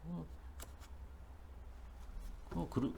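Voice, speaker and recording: A man's voice: extremely slow, warm tone, a little hiss or hum. A man preaching a dawn worship sermon as pastor in a church, talking in an emphatic, repetitive, conversational way.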